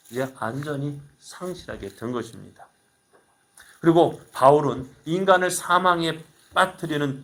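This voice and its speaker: A middle-aged man preaching a sermon as pastor, asking the congregation questions and swinging between loud bursts and quiet asides. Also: medium pitch.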